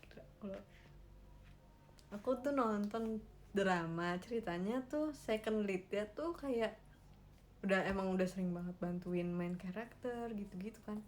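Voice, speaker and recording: A woman's voice: mid-range voice, measured pace, a little mellow, a little hiss or hum. A young woman hosting a casual solo livestream from her room on a phone, chatting emotionally and animatedly with lots of fillers. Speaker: idol livestream host.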